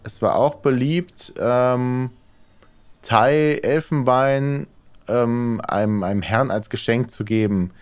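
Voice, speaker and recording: A man's voice: mid-range voice, takes it slowly. A man doing casual let's play commentary, thinking aloud hesitantly as he plays. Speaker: let's player, horror game streamer.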